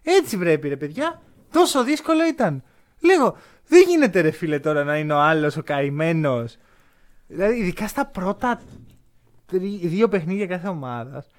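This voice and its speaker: High-voiced, animated man. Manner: animated, opinionated, lively storytelling. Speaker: podcast co-host. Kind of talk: casual basketball chat.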